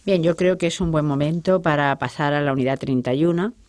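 Measured woman presenter, dry sound. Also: deep voice, fairly even intonation, darkish tone, dry recording. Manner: measured, leads with questions. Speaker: radio presenter. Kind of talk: guiding questions in a radio lesson.

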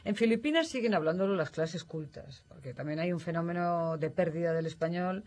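A Spanish man with a slightly high, darkish voice talks briskly as an expert guest on a radio talk show. His manner is didactic: he often tags statements with a questioning "¿no?" and corrects himself mid-sentence.

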